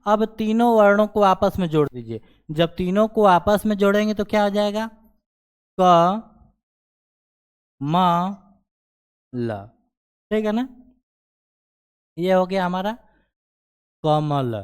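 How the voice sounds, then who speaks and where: A man's voice: sits high, moderate pace, smooth. A man teaching a grammar lesson, explaining step by step and checking in with the class after nearly every phrase. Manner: repeats "ठीक है ना" as a check-in filler.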